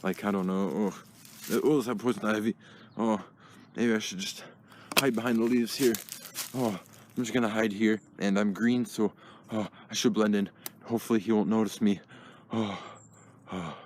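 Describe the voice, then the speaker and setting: A man's voice: on the low side, steady tone, normal speed, long pauses, noisy background, lightly acted. A man voicing a fussy old green plush toy who mutters nervously to himself. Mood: fretful. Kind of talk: plush toy puppet skit.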